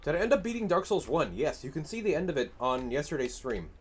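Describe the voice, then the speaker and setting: A young man in gameplay commentary, raging at his teammates with a stream of swearing. His voice sits high and leaps all over the place. He shouts, then drops to a tilted mutter. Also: big pitch swings, quick pace, breathy edge. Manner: angry, swearing, swings between shouting and muttering. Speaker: gaming streamer.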